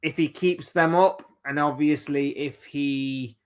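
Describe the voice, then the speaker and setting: A man's voice: a little high, steady tone, slow, clear, resonant tone. A man hosting a casual solo football chat, rambling and opinionated, reeling off players one by one. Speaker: football channel host.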